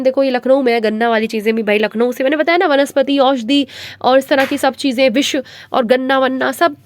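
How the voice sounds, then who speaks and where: A young woman with a hoarse voice from a cold, running through a fast, chatty exam revision lesson. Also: fairly high pitch, dry recording. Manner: rapid, chatty, Hinglish asides. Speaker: exam prep teacher.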